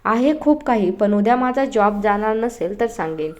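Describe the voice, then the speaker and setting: A woman's voice: mid-range voice, expressive, normal speed, darkish tone, close to an everyday voice. A woman reading as a teasing young man.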